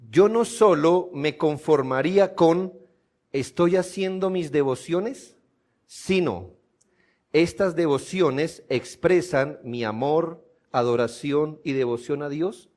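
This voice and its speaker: Colombian pastor guy preaching slow in church, lots of questions, gets loud and punchy. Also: fairly high pitch. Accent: Colombian Spanish. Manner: preaching with rhetorical questions, builds to loud emphatic peaks. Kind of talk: sermon.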